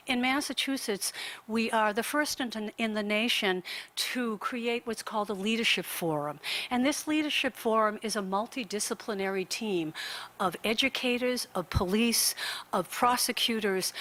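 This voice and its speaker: A woman with a mid-range, slightly bright voice delivers an earnest prepared talk as a panel speaker in a conference room. She rushes along and often restarts her words.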